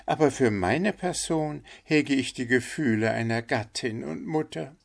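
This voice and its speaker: A man's voice: mid-range voice, lively intonation, measured pace, vocal fry, voice pushed up. A man voicing a prim, motherly female duck in a storybook reading, genteel in manner.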